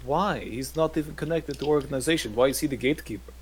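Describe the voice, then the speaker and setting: A man's voice: mid-range voice, fast, a crowd in the background. A man playing a tabletop game in character, rude and insulting and swearing freely. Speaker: player.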